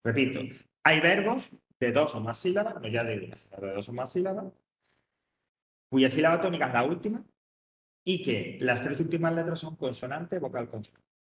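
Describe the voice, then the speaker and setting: A man's voice: fairly high pitch, lively intonation, normal speed, fairly bright tone, roomy sound, slight background noise. A man teaching English grammar to an adult class, patiently repeating each point step by step. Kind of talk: classroom explanation.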